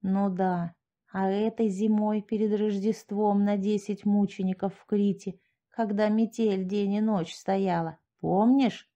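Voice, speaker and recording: Woman reading as a grumbling sexton man, slow mutter, low, dark mellow tone, audiobook story. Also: fairly even intonation, dull audio, close to an everyday voice. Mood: accusing. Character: gruff suspicious peasant sexton, middle-aged man.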